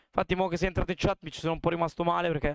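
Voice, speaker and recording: A young male streamer chats loosely with his viewers, cursing freely as he talks. His voice is high and smooth, and it is recorded close and dry on a desk mic. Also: flat delivery, racing, no room sound. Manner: chatty, swears a lot, talks to chat. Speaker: live streamer. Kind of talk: casual live-stream chat.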